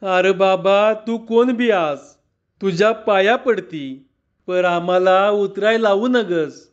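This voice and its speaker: A woman's voice: mid-range voice, slow, voice pushed up, natural voice. A man voicing a terrified young village woman who pleads through tears, on a dull lo-fi recording. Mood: pleading tearfully. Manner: tearful, pleading.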